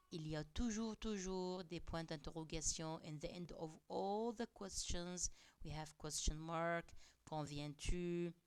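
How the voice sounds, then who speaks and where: A woman's voice: deep voice, pushed and bright, clear, resonant tone. A woman teacher explaining French grammar to young pupils, translating each point into English as she goes. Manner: switches between French and English glosses, slow and deliberate. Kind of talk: classroom lesson explaining grammar.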